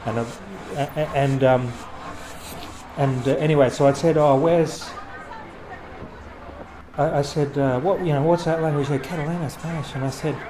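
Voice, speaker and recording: Rambling male street photographer, halting delivery, with traffic noise behind him. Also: fairly high pitch, fairly even intonation. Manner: rambling, halting, many restarts and fillers. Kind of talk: casual storytelling to camera.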